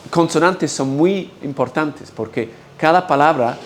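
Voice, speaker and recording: A man's voice: a little high, a little slow, slight background noise. Patient man lecturing. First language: English. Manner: explains patiently, checks in with "¿no?" and "¿ok?". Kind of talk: university-style lecture. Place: lecture hall.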